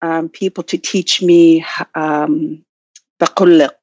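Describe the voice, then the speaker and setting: Halting woman in a roomy recording. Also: low voice, steady tone, darkish tone. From Nunavut, Arctic Canada. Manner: hesitant, halting, searching for words. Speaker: interview guest, Inuit language learner and business owner. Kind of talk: reflective interview answers. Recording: dull, roomy, lo-fi call audio.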